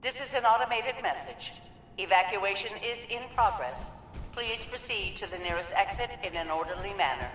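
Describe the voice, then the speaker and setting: An automated PA alarm system, high voice, loudspeaker echo, distant. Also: male voice. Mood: calm. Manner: flat, measured announcer delivery. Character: calm automated male facility alarm system. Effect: public-address loudspeaker announcement. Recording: echoey, distant, under loud game noise.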